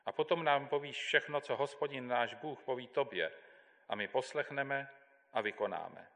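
A man's voice: mid-range voice, fairly bright tone. Man reading scripture in a reverberant hall. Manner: measured, deliberate reading. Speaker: scripture reader. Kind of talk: solemn Bible reading.

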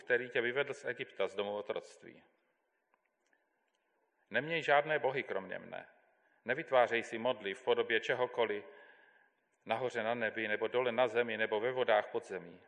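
A man giving a measured, deliberate Bible reading as a scripture reader in a church. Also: mid-range voice, fairly bright tone. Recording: long hall reverb.

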